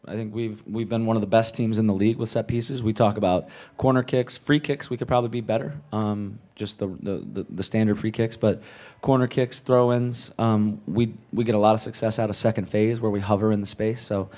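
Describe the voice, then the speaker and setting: A man, a head coach, answering post-match press questions in a measured way, often repeating words as he thinks, speaking into a table mic in a press room. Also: fairly low pitch, steady tone, darkish tone. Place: press room with a sponsor backdrop. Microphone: table mic on a stand.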